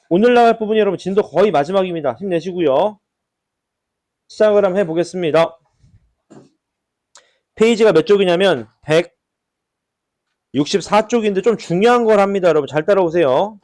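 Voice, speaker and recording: A man's voice: high voice, brisk, darkish tone. A man teaching a math class at the board, who keeps checking in with rhetorical questions and repeats key words for emphasis. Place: classroom at a whiteboard.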